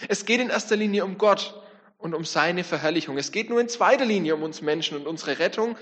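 A man with a high voice gives a sermon, reflective in tone and turning often to his listeners with questions. His words ring out with a long reverb in a church hall. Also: fairly quick, fairly bright tone. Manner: reflective, speaks to the congregation directly. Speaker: preacher.

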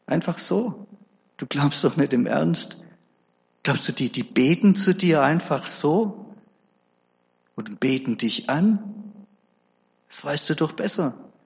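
Man playing a mocking devil, raised taunting voice, gravelly edge, long hall reverb. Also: on the high side, lively intonation, slow, pauses often, pitched above the performer's own voice, heavily acted. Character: sneering male devil taunting God.

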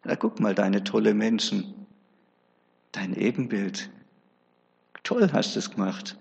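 A man's voice: on the low side, very animated, takes it slowly, creaky, darkish tone, in a large hall, exaggerated voice. A man preacher voicing a sneering male devil who mocks and taunts God. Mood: mocking. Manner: mocking, taunting.

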